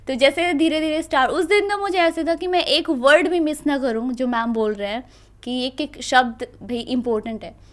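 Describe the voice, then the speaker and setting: A young woman in her twenties, a student guest, casually telling a lively story and acting out her family's words. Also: sits high, moderate pace. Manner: animated, laughing storyteller who acts out family dialogue.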